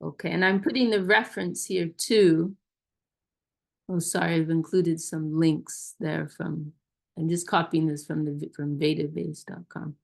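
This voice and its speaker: Woman, low voice, gravelly, casual host on a video call, hesitant restarts. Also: steady tone, a little slow. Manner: warm, self-deprecating, hesitant with restarts. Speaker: host of a Q&A session. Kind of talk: casual online discussion.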